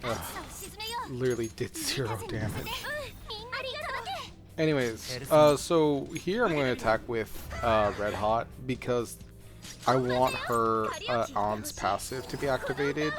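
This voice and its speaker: A man talks through a game in a casual, meandering way at a middling pitch. He is self-deprecating and unpolished, like someone chatting to viewers while playing. Game music plays clearly behind his voice, along with mouse clicks. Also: lively intonation, a little slow. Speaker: gaming video creator. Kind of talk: casual gameplay commentary.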